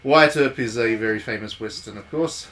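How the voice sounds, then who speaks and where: A man talks at a moderate pace in a mid-range voice, giving casual live commentary while streaming a visual novel playthrough. He rambles and thinks aloud, with steady noise in the background.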